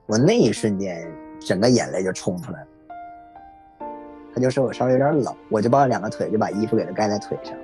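A man in his thirties telling a personal story in a reflective, halting way, with many fillers. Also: medium pitch, mellow. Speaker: podcast guest sharing a personal story. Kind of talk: emotional first-person storytelling. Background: faint background music.

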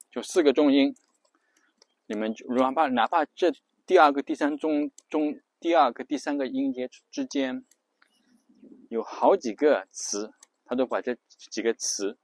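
A man hosting an English lesson podcast, explaining patiently and repeating example phrases slowly. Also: mid-range voice, a little mellow, dry recording. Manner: drills English phrases aloud. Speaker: English teacher and podcast host. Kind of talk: spoken lesson on English rhythm.

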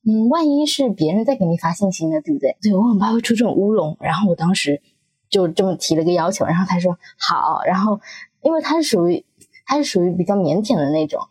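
A woman's voice: mid-range voice, fast, husky. A young woman in her twenties on a podcast, telling a story with lots of laughter and acted-out quotes. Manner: animated storyteller, laughs often, acts out quotes. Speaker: podcast co-host. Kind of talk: casual chat, storytelling.

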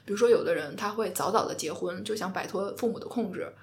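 A woman, a podcast co-host and astrology counselor, talking calmly and explaining steadily. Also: mid-range voice, quick pace. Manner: calm, explanatory, steady storytelling. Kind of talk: casual podcast chat.

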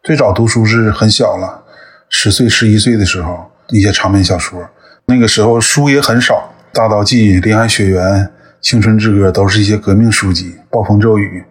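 Husky, unhurried man in his fifties. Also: fairly low pitch, fairly even intonation. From northeast China. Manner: thoughtful, measured, with frequent hesitations. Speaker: guest. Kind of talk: conversational interview.

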